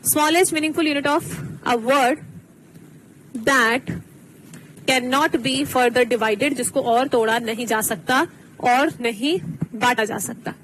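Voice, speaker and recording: Lady teacher on a live class, high voice, slow explaining, faint hiss behind. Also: a bit bright, rough recording. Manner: explains slowly, mixes English terms, quizzes students. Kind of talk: online exam-prep lesson.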